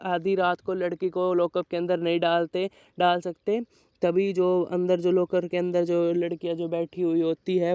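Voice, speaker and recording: Male narrator recapping a movie, monotone, clear voice, dry and slightly dull lo-fi recording. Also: high-pitched, no echo. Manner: rambling, with fillers and placeholder words like "so-and-so". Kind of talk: casual movie recap storytelling.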